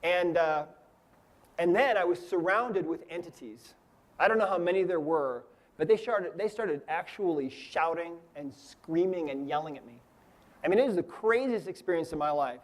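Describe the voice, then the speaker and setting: A man's voice: fairly high pitch, normal speed. A man in his fifties, teaching a lesson by telling a personal story in a chatty way, often checking in with "right?" and "okay?". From United States. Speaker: energy healing teacher. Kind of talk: storytelling lecture.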